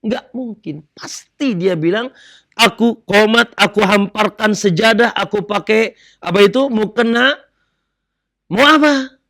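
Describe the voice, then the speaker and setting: A middle-aged man giving a religious lecture, animated, quizzing his audience and acting out little dialogues. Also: high-pitched, unhurried. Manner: animated, asks the audience questions and acts out dialogues. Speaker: Islamic preacher.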